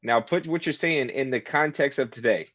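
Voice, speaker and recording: A man's voice: medium pitch, normal speed, a bit bright, highs cut off. A man co-hosting a podcast, arguing his point at length in a casual debate. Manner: argumentative, emphatic, makes a point at length. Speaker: podcast co-host.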